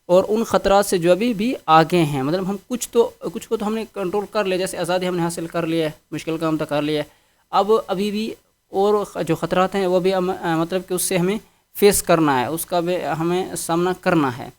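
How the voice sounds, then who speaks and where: Man, English teacher, patient and repetitive, slightly high pitch. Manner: patient, repeats meanings, checks in with listeners. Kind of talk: explaining a text line by line.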